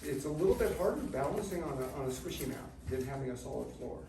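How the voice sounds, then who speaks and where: A man's voice: fairly high pitch, lively intonation, vocal fry. Echoey, distant man leading an exercise class. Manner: measured, technical, instructing in short phrases. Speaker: movement class instructor. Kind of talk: step-by-step exercise instruction. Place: large indoor studio with treatment tables. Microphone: far camera microphone. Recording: distant mic, very echoey, noisy room.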